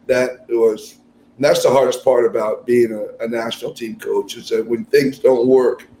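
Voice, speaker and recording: A man's voice: mid-range voice, warm tone, reverberant, slight background noise, rough recording. A man, a national basketball team coach, talking through interview answers in a conversational way with frequent fillers and restarts.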